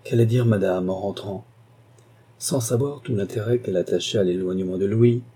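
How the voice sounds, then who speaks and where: Man reading a novel aloud, low mellow voice, bit husky, steady. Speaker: audiobook narrator. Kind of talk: scripted narration.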